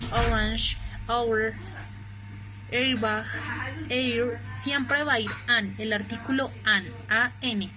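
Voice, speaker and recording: A woman teaching an English class in Spanish, a native Spanish speaker explaining examples patiently and slowly. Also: fairly high pitch, fairly bright tone, a little hiss or hum, poor audio. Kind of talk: recorded online class explanation.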